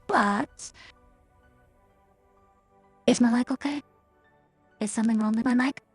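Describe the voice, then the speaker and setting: A woman's voice: on the high side, takes it slowly, slightly rough, no echo, faint music behind. A woman VTuber chatting casually on stream through a staticky voice changer that cuts out, rambling with hesitant fillers.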